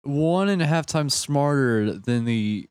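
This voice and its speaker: Young man, podcast co-host, mock-serious, halting, dry sound. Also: mid-range voice, animated, darkish tone, clear, resonant tone, dry recording. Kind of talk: casual chat.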